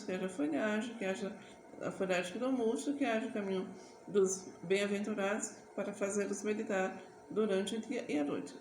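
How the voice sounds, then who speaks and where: A woman gives a rambling devotional sermon and breaks into slow worship singing. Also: mid-range voice, a little mellow, reverberant, slight background noise. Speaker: preacher. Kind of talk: informal sermon with sung worship.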